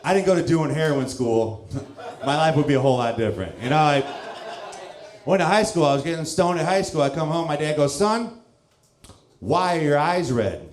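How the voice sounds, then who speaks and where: A man in his thirties, originally from St. Louis, works a club stage with a handheld mic in a loose, self-mocking style, chuckling through his lines. His voice sits a touch high for a man. The room gives it a roomy echo. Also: fairly quick, a little mellow. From St. Louis, Missouri, USA. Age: 30s. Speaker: stand-up comedian. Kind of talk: stand-up comedy set.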